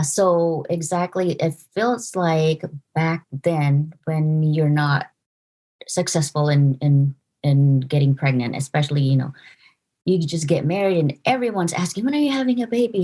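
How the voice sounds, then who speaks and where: Low, mellow-voiced woman from the Philippines. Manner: earnest, halting with fillers and restarts. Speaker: podcast guest, nurse practitioner. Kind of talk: casual interview conversation.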